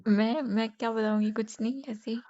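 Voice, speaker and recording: A woman on a casual romantic phone call, shy and hesitant, speaking softly. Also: fairly high pitch, steady tone, normal speed, slight background noise. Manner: shy, hesitant, soft-spoken. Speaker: girlfriend on a call. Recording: dry, muffled phone call recording.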